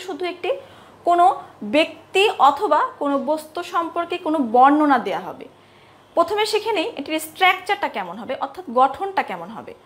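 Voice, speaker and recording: Lively high-voiced woman teaching grammar. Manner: asks students questions and answers them herself, repeats example words slowly. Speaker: English lecturer. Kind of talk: classroom grammar lesson.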